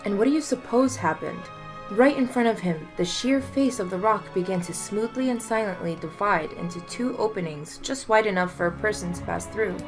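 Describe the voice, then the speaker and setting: A woman reading a folktale aloud in a measured, expressive storytelling manner. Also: mid-range voice, over music.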